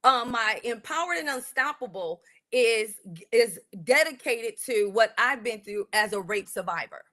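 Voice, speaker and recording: Woman on an interview, bright higher voice, earnest, keeps repeating herself. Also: expressive, measured pace. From San Antonio, Texas. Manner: earnest, talks in repeated restarts. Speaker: guest, real estate broker. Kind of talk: interview, personal story.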